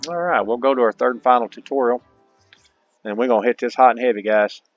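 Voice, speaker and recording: Faint music plays behind a fast-talking man with a medium pitch and fairly even intonation who hosts a gaming channel. In his gameplay tutorial he reads on-screen instructions and tosses folksy, casual asides to viewers, through a dull lo-fi mic with faint background noise.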